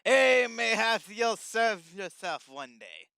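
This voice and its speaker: A man's voice: high-pitched, very animated, takes it slowly, bright, forceful tone, smooth, no echo, full character voice. A man voicing a jovial, teasing male mentor with a cartoonish pirate-style voice and old-fashioned speech. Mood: hearty, teasing. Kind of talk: improvised character voicing.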